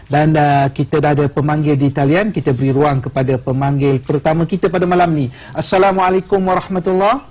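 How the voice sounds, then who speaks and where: A man's voice: a little high, fairly even intonation, a little fast, few pauses, darkish tone. A Malaysian man hosting a talk show, bringing in his guests and callers and affirming them often. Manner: frequent short affirmations. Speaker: host.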